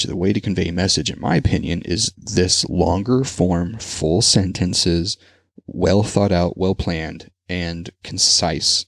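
A man's voice: deep voice, vocal fry, husky, dry recording, studio quality. A man hosting a solo podcast, talking in an earnest, rambling, conversational way. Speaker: podcast host. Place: Texas.

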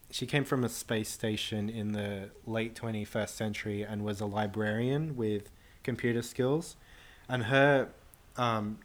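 A man speaking as a podcast guest, knowledgeable and matter-of-fact in casual chat. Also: on the low side.

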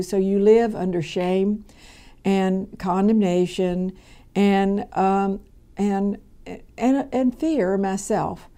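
Mellow-voiced older woman teaching. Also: mid-range voice. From Kentucky, USA. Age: 70s. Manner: rambling, with frequent fillers and restarts. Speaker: radio Bible teacher. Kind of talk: conversational radio teaching.

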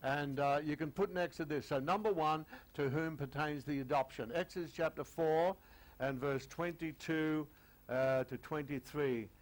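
Older man preaching a slow Bible study. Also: fairly high pitch, low-quality recording. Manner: conversational, many fillers, reads scripture slowly. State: croaky voice. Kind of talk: sermon teaching.

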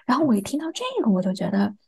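Husky, gravelly young Chinese woman. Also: medium pitch, lively intonation, rapid-fire, darkish tone. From China. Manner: hesitant, repeats words while acting out remembered dialogue. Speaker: interview guest. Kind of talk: recounting a personal experience in a podcast interview.

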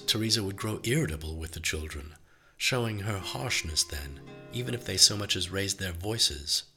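A male audiobook narrator with a low voice and a bright, forceful edge, reading in an even and measured way. A faint plucked guitar plays softly beneath him. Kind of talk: scripted narration.

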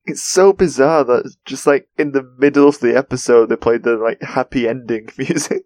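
A man's voice: mid-range voice, normal speed, a little mellow. Male podcast host, dry wit, leads the segments casually. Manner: dry, wry remarks, steers the segments. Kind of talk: casual chat recapping cartoon episodes.

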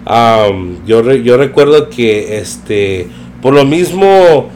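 A young man telling a story in a relaxed, slangy way, mixing in English phrases. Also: mid-range voice, drawn-out words, a little hiss or hum. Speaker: podcast guest telling his career story. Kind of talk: casual storytelling chat.

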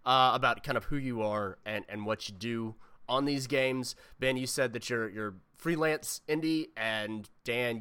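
Bright-voiced man hosting a casual podcast. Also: mid-range voice, clean tone. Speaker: podcast host interviewing guests. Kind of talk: casual interview chat.

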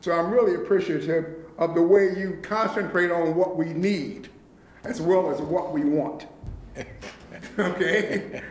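A man's voice: fairly high pitch, a little slow, slight background noise. Man, nonprofit leader, grateful and earnest, public meeting remarks, echoey meeting room. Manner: earnest, grateful, often checks in with "okay?". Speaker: nonprofit leader addressing county officials.

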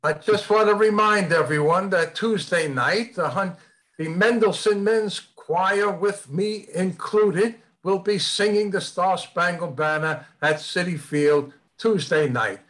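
A man's voice: sits high, a little slow, a bit bright. A man chatting casually in a plain, matter-of-fact way. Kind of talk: casual chat.

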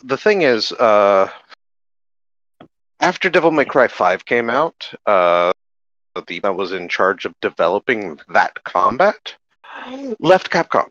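A man's voice: fairly low pitch, sing-song, slow pace, long pauses, fairly bright tone, no echo. A man co-hosting a gaming podcast, explaining things at length with many hesitant fillers. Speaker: podcast co-host. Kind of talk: casual podcast chat. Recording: dull lo-fi mic.

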